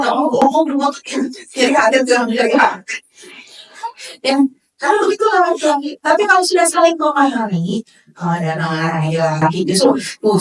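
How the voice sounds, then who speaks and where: A high-pitched woman talks about marriage at a religious study session. She brings her stories to life by acting out wives and husbands. Her voice rings around a large room and sits some distance from the microphone. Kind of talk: lively marriage talk to a live audience. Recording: echoey hall, voice from far off.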